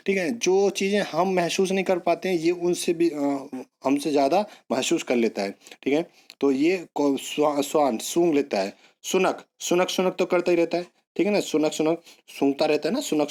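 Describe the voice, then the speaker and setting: A man's voice: a little high, moderate pace, darkish tone. Man drilling students with memory tricks. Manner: repetitive, drills words with memory tricks, coaxing. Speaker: teacher. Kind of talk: online exam-prep lesson.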